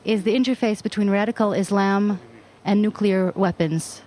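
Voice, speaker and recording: A woman giving a live interpreter voice for a speech, with halting phrasing and uneven pauses. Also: medium pitch, warm tone. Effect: live interpreter voice over a speech. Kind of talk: simultaneous interpretation.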